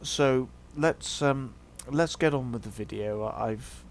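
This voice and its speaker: A man's voice: mid-range voice, takes it slowly, a little hiss or hum. A man hosting a video, giving a casual opinion monologue in a hesitant, reflective way. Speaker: video host.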